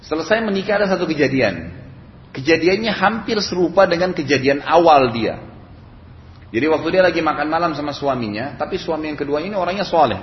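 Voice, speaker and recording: A man's voice: a little high, a little hiss or hum. A man preaching a sermon that tells a story, acting out the quoted dialogue with a rising and dropping voice. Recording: echoey hall, dull lo-fi sound.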